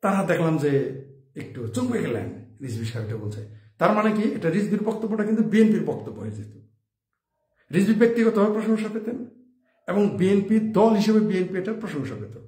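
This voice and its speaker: A brisk, slightly mellow male voice that sits high and moves with lively intonation belongs to a political commentator. He fires rhetorical questions through his opinionated monologue and chuckles at his own points, recorded in an echoey, roomy room.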